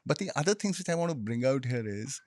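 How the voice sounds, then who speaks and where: Male, Indian accent, native Hindi speaker, explanatory conversational storyteller, halting phrasing, dry studio-like sound. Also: medium pitch, expressive, a little mellow, no room sound. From Jammu and Kashmir, India. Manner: explanatory, pauses mid-phrase, often says "you know". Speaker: interview guest, military officer.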